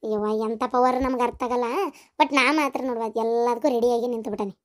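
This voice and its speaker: A woman voicing chatty village women in a comic cartoon, with a North Karnataka Kannada accent and a shrill, exclaiming manner. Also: fairly even intonation, fast talker, close to an everyday voice. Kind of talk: cartoon voice acting.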